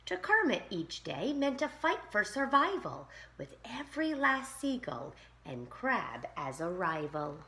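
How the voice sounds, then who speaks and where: A woman teacher reading a rhyming picture book aloud to young children in an expressive, sing-song way. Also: mid-range voice, unhurried, few pauses. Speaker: pre-K teacher.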